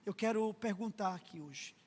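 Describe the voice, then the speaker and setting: A Brazilian man preaching a sermon as pastor, acting out stories and rising into impassioned shouts. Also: high voice, moderate pace. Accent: Brazilian Portuguese. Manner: acts out dialogue in anecdotes. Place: church sanctuary. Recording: long church reverb, faint music.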